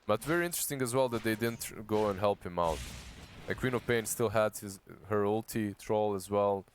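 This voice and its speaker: A man's voice: on the low side, a little fast, slight background noise. A man giving casual esports game commentary as one of the casters.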